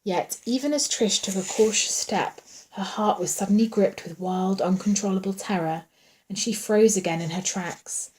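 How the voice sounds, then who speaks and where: A woman reading a horror novel aloud in a hushed, suspenseful way, dropping at times to a whisper. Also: mid-range voice, normal speed, a little hiss or hum. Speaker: audiobook reader.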